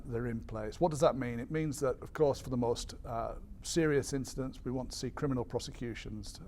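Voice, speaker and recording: A man giving an explanatory briefing as an industry spokesperson, measured but hesitant, with frequent ums and repeated words. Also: mid-range voice, darkish tone, slight background noise. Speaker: airline industry association spokesperson.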